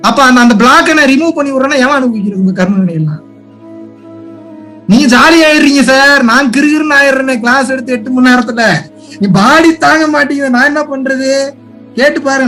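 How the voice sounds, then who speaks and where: A man with a very high voice gives a spiritual talk, pressing listeners with one rhetorical question after another. He swings from loud, pleading urging to soft asides. Faint music plays behind him. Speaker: spiritual teacher. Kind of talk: impassioned spiritual talk to viewers.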